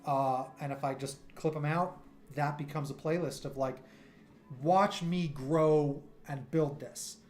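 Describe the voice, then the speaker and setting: With a slightly high voice and an unhurried pace, a New York-accented man in his thirties rambles casually during a home livestream of his art. He comes across as lively, loose and quick to laugh at himself, and soft synth music plays in the room.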